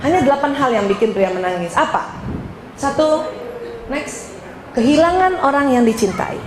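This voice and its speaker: A woman giving a lively, teasing lecture to a group of women, often calling out to her listeners. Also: high voice, normal speed, noisy background. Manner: animated, teasing, addresses audience as "Bu". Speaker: speaker giving a parenting talk. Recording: echoey hall with faint background ambience.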